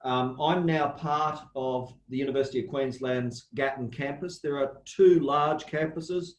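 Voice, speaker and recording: A man with an Australian accent giving a slow, measured guest lecture over a video call, pausing often with ums. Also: mid-range voice, fairly even intonation, reverberant, a little hiss or hum, rough recording. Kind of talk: online academic lecture.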